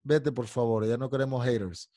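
A man's voice: mid-range voice, steady tone, normal speed, dark tone, no room sound, studio quality. A man teaching an online English class, explaining in Spanish and drilling pronunciation by singing along to lyrics. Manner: irritated, scolding a heckler.

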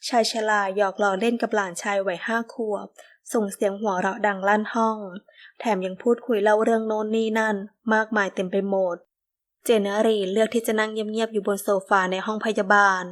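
A woman giving scripted, measured narration of a romance novel. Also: mid-range voice. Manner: measured, steady storytelling. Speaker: audiobook narrator.

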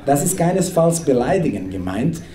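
This Serbian man, in his thirties, sits at a stand mic reading his funny text aloud in a wry, teasing way, his slightly high voice swinging widely in pitch at a moderate pace. Crowd noise and laughter ring through the roomy club.

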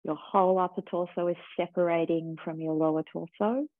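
A woman teacher slowly guiding a breathing and body-awareness meditation in a calm, soothing way. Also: lowish voice, no echo. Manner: slow, calm, soothing guidance. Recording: tinny phone-like sound.

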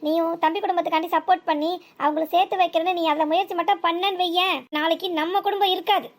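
A woman's voice: extremely high pitch, steady tone, fast. A woman voicing a bossy wife who threatens her husband in a cartoon, with a southern Tamil Nadu accent. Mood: threatening. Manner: threatening, nagging.

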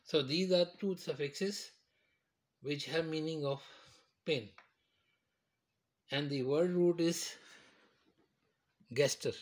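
Man slowly explaining medical terms. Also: on the high side. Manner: slow, repetitive, explains step by step. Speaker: teacher. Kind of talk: medical terminology lecture.

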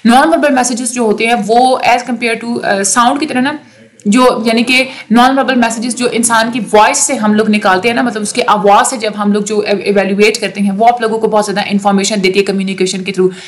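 A woman giving a fast exam-prep lecture, often stopping on fillers and restarting phrases. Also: on the high side. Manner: fast talker with many fillers.

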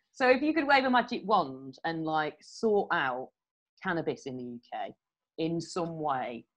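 Low-voiced chatty woman host. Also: animated, a little slow. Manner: chatty, storytelling, laughs often. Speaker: podcast host. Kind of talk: casual interview chat. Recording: slightly dull lo-fi sound.

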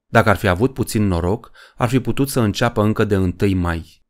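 A man's voice: on the low side, darkish tone, close to an everyday voice. A man voicing a dry, ironic older man in a horror audiobook.

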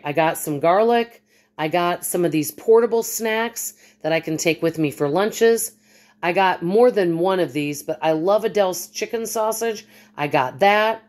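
A middle-aged woman chatting casually to viewers in a vlog, upbeat and friendly, filmed on a phone at arm's length in her home kitchen. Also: on the low side. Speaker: vlogger. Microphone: phone held at arm's length.

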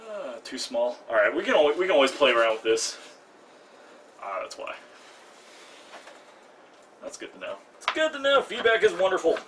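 A man's voice: a little high, very animated, moderate pace, pauses often, a bit bright. A young man hosting a live cooking stream in his home kitchen, chatty and self-mocking with jokey asides. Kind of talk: casual live cooking demo. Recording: distant mic, noisy kitchen.

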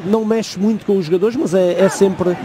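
A man with a European Portuguese accent giving analytical football co-commentary, explaining in halting phrases. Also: high voice, steady tone. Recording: clear outdoor stadium noise behind.

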